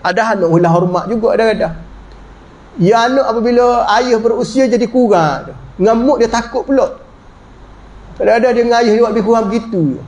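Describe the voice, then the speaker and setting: Man preaching, very high voice, chatty, drops low to stress points, echoey room. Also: a little fast, a little mellow, muffled recording. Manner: conversational, often drops low for emphasis, acts out quotes. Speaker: religious teacher. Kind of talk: religious lecture.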